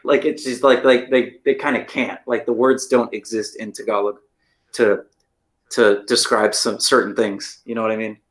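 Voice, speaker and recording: A man from the United States, now living in Taiwan, co-hosts a podcast and tells stories in easygoing conversation, sprinkling in plenty of "like" and "right?". He sounds on the low side, with a level tone and moderate pace.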